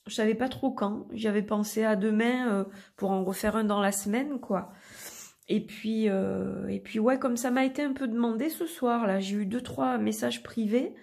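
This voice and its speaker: A tarot card reader with a cold chats casually to camera, her voice hoarse and nasal from a stuffy nose and sore throat. She speaks at a normal speed in a fairly high pitch. Her manner is relaxed and rambling, packed with fillers and self-corrections.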